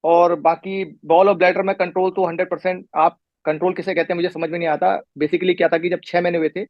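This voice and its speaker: A man's voice: sits high, level tone, quick pace, no room sound. A middle-aged man talking as a patient in a casual conversation, giving a long, detailed account with frequent restarts. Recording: muffled lo-fi recording.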